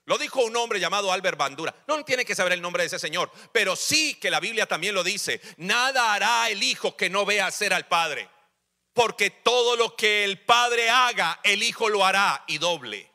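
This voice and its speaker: A man's voice: high voice, lively intonation, normal speed, bright, forceful tone. A man in his forties preaching a sermon in a church, acting out little family dialogues with humor. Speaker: pastor. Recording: church hall reverb.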